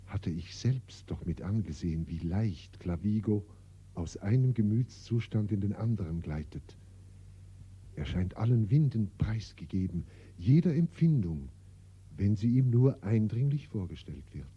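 An actor playing a brooding older brother in a measured, reflective inner monologue, 1940s radio acting on a dull, humming old recording. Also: male voice, fairly low pitch, expressive, dark tone, slightly rough, heavily acted. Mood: uneasy.

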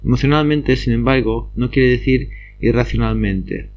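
A man reading lecture notes aloud at a steady pace, often stumbling and restarting words. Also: medium pitch, normal speed. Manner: reads steadily with frequent slips and restarts. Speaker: reader of study notes. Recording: slightly dull lo-fi recording.

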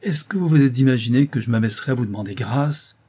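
A proud young wife hurls defiant, indignant words, as a male reader puts her on in a somewhat raised, louder voice. The tone stays dark and a little husky. It is a storybook scene read aloud. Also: medium pitch, fast, lightly acted.

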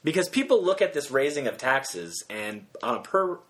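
Lively-voiced man chatting on a podcast. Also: fairly high pitch, moderate pace. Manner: chatty, works through the numbers aloud. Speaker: podcast co-host. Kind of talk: casual podcast chat. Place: friend's house.

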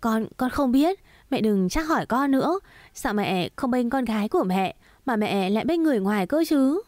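A headstrong, jealous young woman, played by a woman reader in a spoken romance story. She pleads in a raised, slightly higher voice. The recording is dry and close. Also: lively intonation, moderate pace, darkish tone, no room sound, lightly acted. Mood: pleading.

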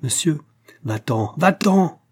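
A man's voice: mid-range voice, normal speed, mellow, close to an everyday voice. A man voicing a sick, bitter young marquis who snaps curt commands in an audiobook reading. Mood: angry.

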